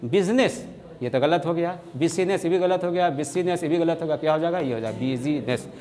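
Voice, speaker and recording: A man's voice: on the high side, fairly quick, darkish tone, long reverb tail. A man with a Bihari Hindi accent teaching an English spelling lesson, saying each word several times and spelling it out letter by letter.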